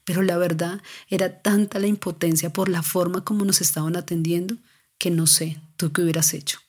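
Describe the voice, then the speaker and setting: A woman's voice: fairly low pitch, steady tone, fairly quick, a little mellow, husky. Earnest woman telling a story. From Colombia. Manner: earnest, confiding, addresses the listener directly. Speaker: mother telling a family story. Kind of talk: personal storytelling to listeners.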